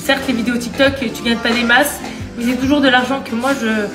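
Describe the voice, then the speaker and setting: A woman's voice: on the high side, fairly even intonation, brisk, over music. A woman with a lisp on her s sounds, chatting casually to her followers as she films stories on a phone. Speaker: vlogger filming social media stories.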